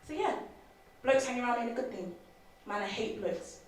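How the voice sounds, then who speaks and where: A woman's voice: fairly high pitch, lively intonation, fairly quick, lightly acted. A woman playing a blunt, scornful young female prisoner, on stage in an echoey theatre. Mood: flat. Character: tough young female prisoner, angry at men. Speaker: actor in a student stage play. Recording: echoey theatre, mic far off.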